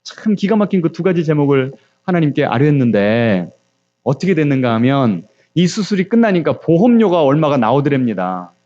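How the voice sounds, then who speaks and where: A man's voice: a little high, sing-song, brisk, warm tone, lo-fi sound. A male pastor preaching, telling stories and acting out quoted voices while questioning the congregation. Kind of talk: sermon.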